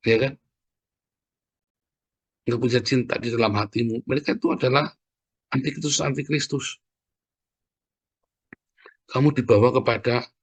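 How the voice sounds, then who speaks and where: Husky Indonesian preacher, close and dry. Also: male voice, medium pitch, a bit bright, no echo. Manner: conversational preaching, addresses listeners as "saudara". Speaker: pastor. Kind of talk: sermon.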